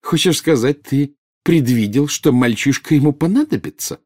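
A man's voice: mid-range voice, very animated, brisk, darkish tone, husky, voice pushed up. A man voicing a furious, jealous witch in an audiobook, bursting out in scornful, indignant retorts.

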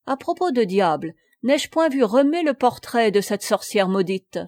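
A woman voicing a brash, mocking huguenot captain, rough-voiced and boisterous from drink, in a read-aloud story. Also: fairly high pitch, sing-song, normal speed, a little mellow, no room sound, studio quality. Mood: drunken bluster.

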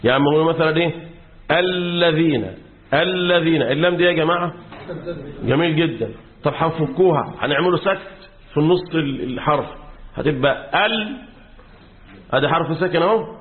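A man's voice: a little high, quick pace. A man with an Egyptian accent, a sheikh lecturing a class on Quran commentary, quizzing his students with fill-in questions and repeating key words. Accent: Egyptian Arabic. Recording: tinny lo-fi phone-like recording.

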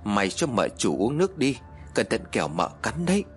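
A man's voice: medium pitch, huge pitch swings, a little fast, faint music behind. A man voicing a stern, arrogant old male exorcist who scolds and gives orders in a storybook tale. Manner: commanding, scolding.

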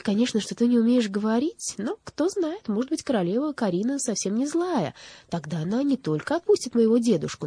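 Woman playing a young girl, storybook heroine, cheerful, eager, warm husky tone, lively pitch. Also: no room sound. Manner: bright, eager, lifted girlish delivery.

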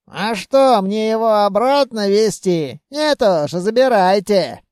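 A reader voicing a crafty, stubborn, plump male trickster who haggles and grumbles loudly, in an audiobook. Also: mid-range voice, expressive, slow pace, clean tone, no room sound, clean studio sound. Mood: quarrelsome. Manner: loud haggling, grumbling and scheming. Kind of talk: audiobook reading.

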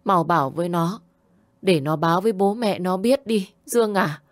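A woman's voice: on the low side, normal speed, no room sound, close to an everyday voice. A woman voicing an anguished old grandmother who scolds and laments, raising her voice. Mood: scolding. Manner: scolding, lamenting, loud and pleading.

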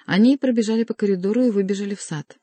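Woman narrator, audiobook, mellow voice, dry close recording. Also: mid-range voice, rapid-fire, no echo. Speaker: audiobook reader. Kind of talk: scripted narration.

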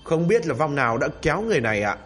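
A man voicing a young male Taoist exorcist, bold and hot-tempered, speaking politely with a slightly husky voice. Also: on the high side, very animated, rapid-fire, soft background music. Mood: polite, composed. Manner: polite at first, then cursing angrily.

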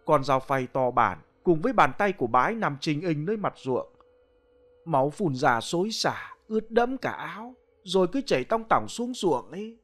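A man's voice: a little high, sing-song, moderate pace, fairly bright tone, faint music behind. Brief: male narrator playing a shaken peasant woman, gossipy and exclaiming. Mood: frightened. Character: frightened peasant woman recounting horror.

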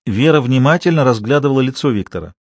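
A man narrating an audiobook in steady, even storytelling. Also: medium pitch, quick pace, no echo. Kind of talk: scripted narration.

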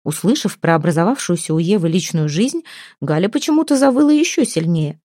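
Mellow woman narrating a storybook. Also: on the low side, animated, fairly quick, dry recording, studio quality. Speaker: audiobook narrator.

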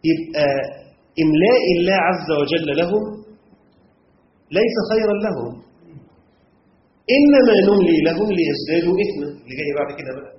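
Fast, high-voiced Egyptian teacher quizzing a class. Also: male voice. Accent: Egyptian Arabic. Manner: quizzes the class with rhetorical checks. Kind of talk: classroom lesson on Quran commentary grammar. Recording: roomy, dull lo-fi room recording with faint noise.

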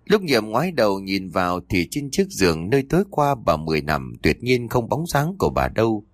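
A man narrating a ghost story for an audiobook in an expressive storytelling manner. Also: lowish voice, fairly quick, dry recording, studio quality. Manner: expressive, voices the characters' cries and quarrels.

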